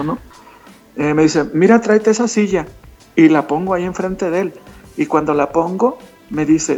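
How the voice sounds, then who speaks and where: Earnest man telling his testimony. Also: a little high. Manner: earnest storyteller who addresses the listener as "hermanita". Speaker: guest telling his conversion story. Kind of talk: emotional personal testimony. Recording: dull lo-fi sound with faint music behind.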